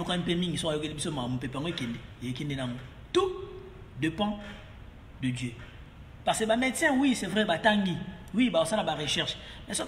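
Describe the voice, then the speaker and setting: A man's voice: sits high, fairly bright tone, a little hiss or hum. A man from Congo talking casually to his followers, rambling between French and Lingala with many fillers and repeats. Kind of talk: casual monologue to camera. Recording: roomy echo, long reverb, faint ambience.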